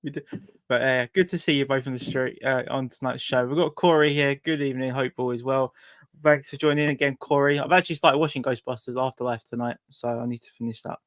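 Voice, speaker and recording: A man's voice: mid-range voice, steady tone, fast, dry recording, clean studio sound. A man with a British accent casually hosting a livestreamed talk show.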